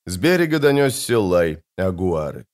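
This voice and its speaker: A man's voice: sits low, normal speed. Man narrating an adventure audiobook. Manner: expressive, lively storytelling.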